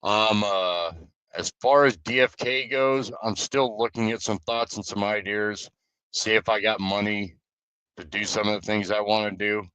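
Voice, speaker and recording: Guy rambling on a live stream, kinda low voice but bright and forceful, dry sound. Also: steady tone, unhurried, clean tone, no room sound, low-quality recording. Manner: loose, rambling, with fillers and restarts. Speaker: streamer and guild leader. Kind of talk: casual live stream chat.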